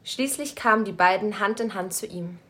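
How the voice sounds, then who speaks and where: A woman narrating a story aloud in a calm, measured storytelling voice. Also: mid-range voice. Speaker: story reader.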